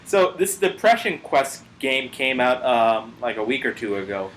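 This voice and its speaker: A man's voice: mid-range voice, sing-song, a little slow, a bit bright, echoey room, slight background noise, rough recording. A man co-hosting a casual gaming podcast, speculating aloud with frequent restarts and slips of the tongue. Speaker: podcast co-host.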